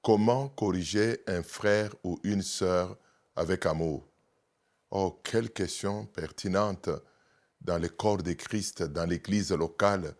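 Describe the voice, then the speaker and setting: A male pastor with a Congolese French accent, giving a measured sermon-style teaching with frequent pauses and restarts. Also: low-pitched.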